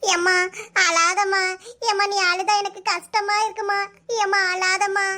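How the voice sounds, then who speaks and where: A woman voicing a soft-hearted young village daughter in a cartoon, gently coaxing and pleading in a Kanyakumari Tamil accent. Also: very high voice, little pitch movement, a little slow, full character voice. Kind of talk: cartoon voice acting.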